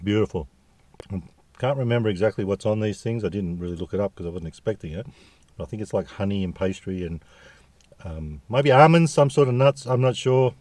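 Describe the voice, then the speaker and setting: An Australian man with a fairly low voice talks casually to his viewers in a food review vlog. His delivery is jokey and slangy, and the sound is very dry, with no room echo. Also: brisk, darkish tone.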